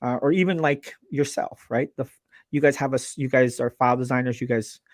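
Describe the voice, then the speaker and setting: An earnest man speaks as a guest on a live stream, animated and quick to restart his sentences. His voice sits at an ordinary middle pitch, and the sound is close and dry with no room echo, as over a video call. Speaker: guest, laser business owner. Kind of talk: casual live-stream interview.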